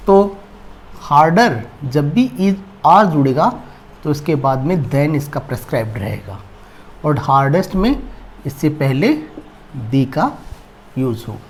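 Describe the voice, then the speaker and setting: A man teaching English grammar in a classroom-style lesson, slowly dictating word forms. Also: fairly high pitch, slight background noise.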